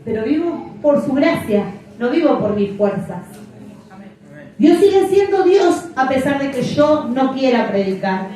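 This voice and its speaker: A woman's voice: high-pitched, big pitch swings, unhurried, mellow. Emphatic woman pastor. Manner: emphatic, repeats phrases for effect. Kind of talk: sermon. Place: church. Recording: echoey church from far off.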